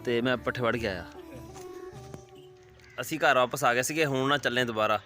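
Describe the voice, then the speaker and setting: A man's voice: mid-range voice, moderate pace, sharp tone, faint music behind. A young man with a Pakistani Punjabi accent, chatting and explaining as he goes in a casual village vlog. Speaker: village vlogger.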